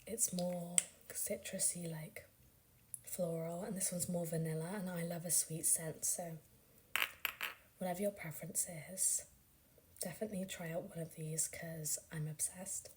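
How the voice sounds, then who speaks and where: A young woman chatting through a lifestyle vlog voice-over, her lowish voice often sliding into a soft, breathy whisper. She sounds chatty and enthusiastic, full of casual fillers, with a faint hiss behind her. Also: fairly even intonation, unhurried. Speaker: beauty vlogger.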